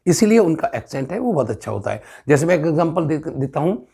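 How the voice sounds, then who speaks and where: A man with an Indian accent giving a spoken English grammar lesson, explaining step by step and repeating example sentences slowly. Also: on the high side, sing-song, vocal fry, warm tone, husky. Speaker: English teacher.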